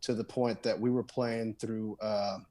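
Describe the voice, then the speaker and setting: A man's voice: fairly low pitch, flat delivery, a little slow, mellow. A man guesting on a podcast, talking in a loose, rambling way with lots of fillers, restarts and "dude". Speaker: guest guitarist and songwriter. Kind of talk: casual podcast conversation.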